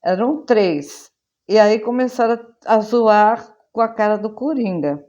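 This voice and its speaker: A woman's voice: on the high side, unhurried, dark tone, lo-fi sound. A Brazilian woman casually retelling a film's plot as a vlogger, rambling from one event to the next. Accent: Brazilian Portuguese. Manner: rambling storyteller, chains events with "then".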